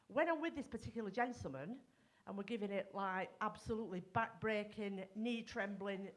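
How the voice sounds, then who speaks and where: A middle-aged woman from North West England, performing a bawdy, self-mocking stand-up comedy set at a live gig. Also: medium pitch.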